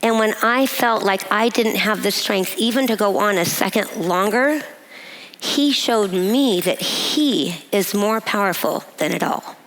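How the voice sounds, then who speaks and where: Woman, guest speaker, personal testimony, unhurried storytelling, middle pitch. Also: fairly bright tone, low-quality recording. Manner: storytelling, laughs often, measured delivery. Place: event hall.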